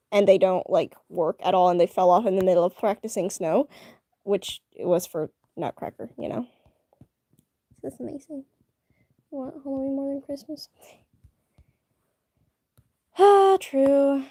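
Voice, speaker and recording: Young female streamer, rambling and chatty, animated pitch, soft mellow tone. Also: dry recording, clean studio sound. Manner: rambling, chatty, full of fillers and restarts. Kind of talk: casual live-stream chat.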